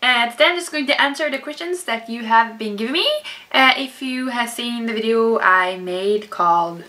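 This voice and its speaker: A woman's voice: fairly high pitch, moderate pace, pushed and bright. A young Norwegian woman with a Norwegian accent, answering viewer questions in a chatty, rambling vlog full of fillers and restarts. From Norway. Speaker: YouTuber. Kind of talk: casual vlog Q&A.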